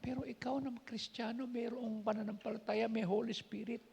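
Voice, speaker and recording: A man's voice: very high-pitched, little pitch movement, moderate pace, vocal fry, darkish tone, breathy edge. A man with a Filipino accent preaching a sermon as a pastor, telling stories in a conversational way and switching between languages. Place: church.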